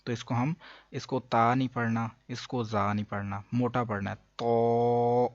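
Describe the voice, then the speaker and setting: A man teaching a Quran reading lesson. He explains each rule, then slowly drawls out the letter sounds for the listener. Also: mid-range voice, steady tone, no room sound. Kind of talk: step-by-step recitation lesson. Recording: dull dry lo-fi recording.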